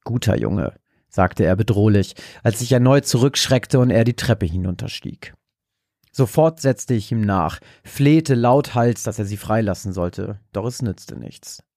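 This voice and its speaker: A man narrating a dark horror story in a slow, measured way. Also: lowish voice, dry recording, clean studio sound. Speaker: podcast host and story narrator.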